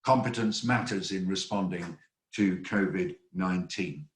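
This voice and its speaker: An older man hosting an online briefing, speaking in a measured, earnest way with frequent hesitations. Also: sits low, reverberant. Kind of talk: spoken briefing remarks. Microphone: video call.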